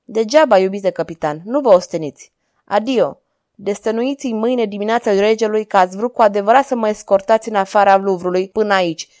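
A woman's voice: medium pitch, a little mellow, dry recording, clean studio sound, close to an everyday voice. A woman voicing a scheming male court jester who talks in a sly, teasing way. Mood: mocking.

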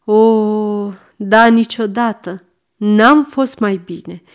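A woman's voice: mid-range voice, clean tone, natural voice. A woman voicing a sick old male miser, querulous and snapping commands. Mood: defiant.

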